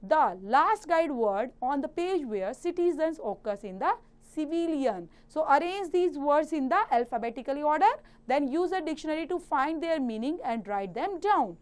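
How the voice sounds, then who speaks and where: A woman with an Indian accent teaching a grammar lesson to children. She reads English slowly and carefully, then explains quickly in Hindi. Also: high voice, lively intonation.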